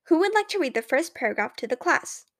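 A woman's voice: high voice, very animated, fast talker, a bit bright, exaggerated voice. Woman reading as a prim, pitying schoolteacher. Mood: polite, formal. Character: female schoolteacher, polite, prim, quietly pitying.

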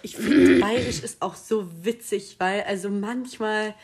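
A woman's voice: mid-range voice, unhurried, crowd noise. A teenage girl from Bavaria co-hosting a casual podcast, gushing and chatty, often calling her listeners "Leute". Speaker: podcast co-host.

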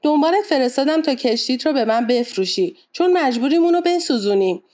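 A woman voicing a calm, determined rich English gentleman who gives short, composed orders in a storybook reading. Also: high-pitched. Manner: curt, composed commands.

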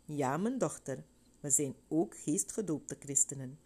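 A woman voicing a gentle male preacher who speaks in a calm, fatherly way. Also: deep voice, measured pace, husky, exaggerated voice. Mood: reassuring.

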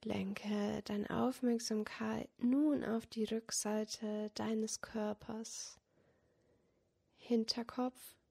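Female meditation guide: soft, dreamy, extremely unhurried delivery, mellow tone with some vocal fry. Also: on the high side. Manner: soft, soothing, dreamy, partly breathy and near-whispered. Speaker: yoga nidra meditation guide. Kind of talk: guided meditation body scan, slow spoken cues.

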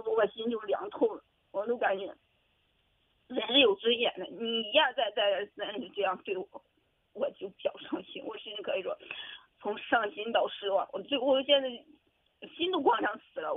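A woman calling an advice show, halting and hesitant, repeating herself and close to tears. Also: on the high side, dry recording. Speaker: caller. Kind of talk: call-in radio advice. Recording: tinny phone line.

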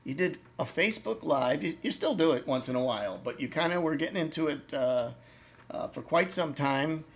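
A man's voice: on the high side, animated, moderate pace. Chatty man hosting a podcast. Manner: loose, chatty, swears casually. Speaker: podcast host. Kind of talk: casual interview chat.

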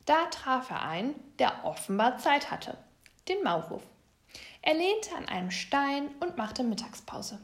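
A woman reading a children's story aloud, in a gentle, even storybook manner. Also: high voice, unhurried.

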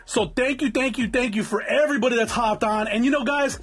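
Podcast host, man in his forties, fast and rambling with a stuffy nose, husky high voice. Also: a bit bright. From Southern California. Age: 40s. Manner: rambling, repeats words, cusses freely. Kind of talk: casual unscripted podcast monologue. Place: home in the desert.

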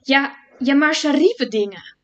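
Woman doing a panicky shouting little brother. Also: expressive. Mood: agitated. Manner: loud, shrill and rushed. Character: frightened young brother, breathless and excitable. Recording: dull lo-fi recording.

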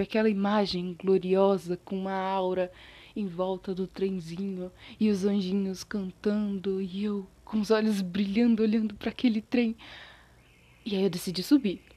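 A Brazilian woman telling a casual story, chatty and animated, often losing her thread, her throat a little scratchy. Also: mid-range voice, dry recording.

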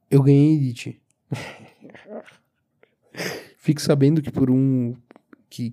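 A sleepy young man with a southern Brazilian accent talks casually by himself as a podcast host, in an informal, halting, meandering way. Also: mid-range voice, warm tone. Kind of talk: casual solo monologue, rambling. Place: recorded lying down, alone.

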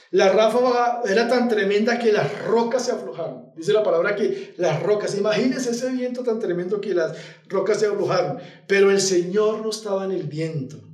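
A male youth pastor preaching a sermon, telling a scripture story dramatically and dropping to hushed, calming phrases, recorded from a distance in an echoey room. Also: high-pitched.

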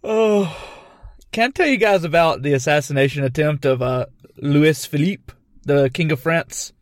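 A man's voice: normal speed, no echo. A man co-hosting a casual comedy podcast, telling a story and often breaking into giggles. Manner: giggly, breaks into high laughter, puts on silly voices. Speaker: podcast co-host.

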